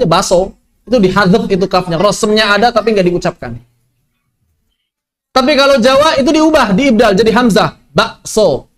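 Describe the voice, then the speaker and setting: A man teaching an online tajwid lesson, lively, asking questions and answering them himself. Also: extremely high pitch. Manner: lively, asks and answers his own questions. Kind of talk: online Quran recitation lesson.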